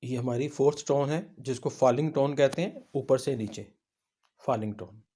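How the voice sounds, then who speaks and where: A man's voice: medium pitch, normal speed, warm tone. Man teaching a language lesson, patient. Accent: Pakistani Urdu. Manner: patient, explanatory, reassuring. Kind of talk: slide-based language lesson.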